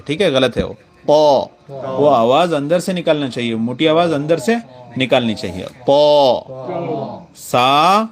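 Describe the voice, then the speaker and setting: A man teaching the sounds of letters in a reading lesson, saying each one slowly and contrasting thin and heavy sounds. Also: a little high.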